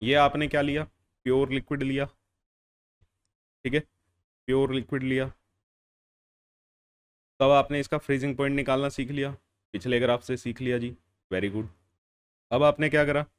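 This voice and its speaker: Questioning male chemistry teacher, clear voice. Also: mid-range voice, steady tone, moderate pace, pauses often. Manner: asks questions and answers them himself, repeats key phrases; calls students "beta" and "bhaiya". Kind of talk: classroom lecture.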